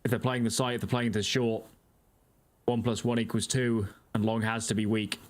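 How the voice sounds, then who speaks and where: A man's voice: mid-range voice, level tone, moderate pace. A man giving analytical live esports commentary as a caster, breaking down the tactics of the play. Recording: noisy, game gunfire behind the voice.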